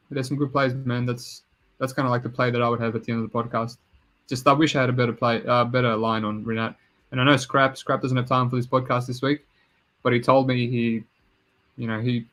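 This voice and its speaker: A podcast host with a mixed Serbian-Australian accent chats casually in a medium-pitched, fairly bright voice. He is laid-back and swears now and then.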